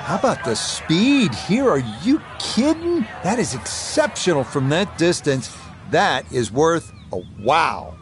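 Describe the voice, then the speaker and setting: A man's voice: a little high, big pitch swings, takes it slowly, background noise. A man giving golf commentary as the play-by-play anchor of a televised-style game broadcast, with a polished announcer delivery.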